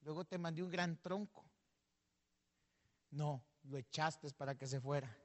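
A male pastor telling a parable in a sermon, rising to a shout and having the congregation repeat after him. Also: a little high, unhurried, in a large hall. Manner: storytelling, shouting when stirred, calls on the congregation to repeat.

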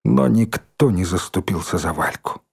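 A man reading a story aloud in an expressive, dramatic narrating style. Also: low-pitched, moderate pace, gravelly, slightly rough. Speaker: audiobook reader.

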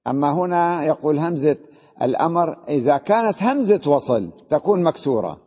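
A man with a fairly high, husky voice teaches a grammar class. He explains step by step and keeps asking his students questions. The recording is dull and lo-fi, with a long hall reverb. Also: expressive, brisk. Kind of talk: classroom lesson.

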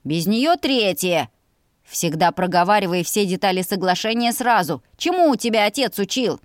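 A woman reading an audiobook voices a young man teasing his sister in a lower, slower, mocking tone. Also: lively intonation, dry recording, studio quality, natural voice. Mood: stern. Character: teasing young adult brother, sharp and wry. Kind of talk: audiobook character voice.

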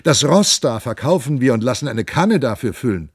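A man's voice: medium pitch, big pitch swings, normal speed, breathy edge, no echo, clean studio sound. A man voicing a sly young cavalier who plays a poor devil, wheedling and pleading, at times shrieking in a frenzy.

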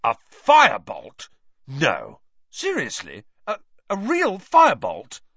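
A man voicing an eager young male sports captain who gets urgent and excitable, recorded a little dull and dry. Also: mid-range voice, moderate pace, breathy edge, dry recording, pitched above the performer's own voice, full character voice. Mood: thrilled.

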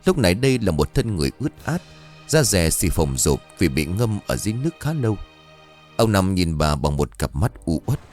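Deep-voiced male ghost story narrator. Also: a little fast, soft background music. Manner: expressive, dramatic reading.

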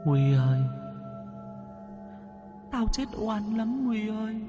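A man doing a high, wailing ghost girl. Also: very animated, music in the background, exaggerated voice. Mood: wailing, pleading.

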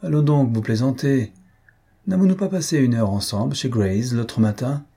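A man voicing a vain, foppish young gentleman who talks in an affected, mocking, chatty way. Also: mid-range voice, normal speed, vocal fry, slightly rough.

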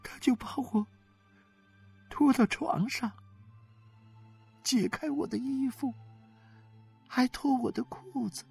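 A woman acting out an ashamed young wife, weeping and pleading as she confesses in an audiobook drama. Her voice sits high and husky, and she speaks slowly. Soft music plays behind her. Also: full character voice. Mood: tearful confession. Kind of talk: audiobook dialogue performance.

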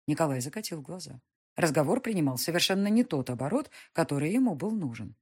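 Husky lady reading a novel aloud, lowish voice, lively delivery. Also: fast. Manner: expressive storytelling. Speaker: audiobook narrator. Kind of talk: scripted audiobook narration.

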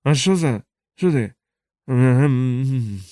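A man voicing a grumpy, half-asleep man who grumbles loud nonsense sounds. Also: medium pitch, big pitch swings, slow pace, breathy edge, no room sound, clean studio sound, exaggerated voice. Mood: grumbling, cross.

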